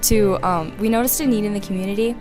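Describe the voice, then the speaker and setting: Young woman, student, casual, mid-pitched, music underneath. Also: quick pace. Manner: casual, with fillers. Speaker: student interviewee.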